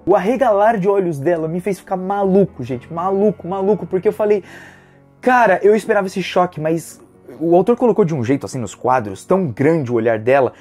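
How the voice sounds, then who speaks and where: A man with a Brazilian Portuguese accent hosting a casual manga review, retelling the story in an animated, emotional way with slangy fillers. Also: fairly high pitch. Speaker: manga reviewer, channel host.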